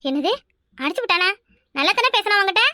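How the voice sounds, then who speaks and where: A nagging old village mother-in-law, as a woman voices her for a cartoon, speaking Kanyakumari Tamil in a very high, bright voice. She rattles along fast and sounds dry and close-miked. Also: animated, dry recording, heavily acted. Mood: scolding. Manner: nagging, defensive, calls others "ஏட்டி". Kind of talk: cartoon voice acting.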